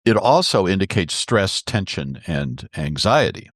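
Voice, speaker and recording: A man speaking as a communication expert guest in an interview, explaining expressively and demonstrating pitch with his voice. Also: big pitch swings, unhurried, dry recording, studio quality.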